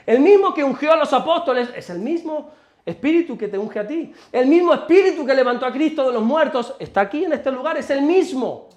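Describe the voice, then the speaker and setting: A man's voice: very high-pitched, animated, fairly quick, darkish tone. Man, pastor, Spain Spanish accent, emphatic sermon delivery, lots of repetition. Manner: emphatic, repeating phrases, rhetorical questions. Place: church before a congregation.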